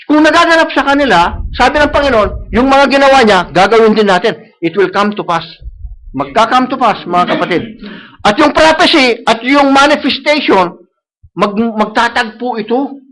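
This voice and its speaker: A man's voice: extremely high pitch, animated, moderate pace, fairly bright tone, poor audio. A man preaching a sermon, repeating key phrases and asking the congregation for agreement. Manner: mixes English phrases into Tagalog, repeats key phrases. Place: church service.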